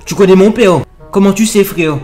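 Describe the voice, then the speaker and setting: A man's voice: high-pitched, fairly quick, darkish tone, soft background music, voice pushed up, natural voice. A young man voicing a cocky, touchy young Guadeloupean man with a thick Guadeloupean accent, speaking in an exaggerated, indignant way. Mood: offended. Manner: exaggerated, indignant, keeps repeating "frérot". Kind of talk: prank role-play on video chat.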